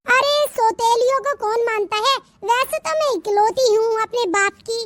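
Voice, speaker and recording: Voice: very high voice, normal speed, a bit bright, a little hiss or hum. A performer voicing a spoiled, scheming teenage girl who talks bossily and scornfully in a cartoon story. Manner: bossy and scornful.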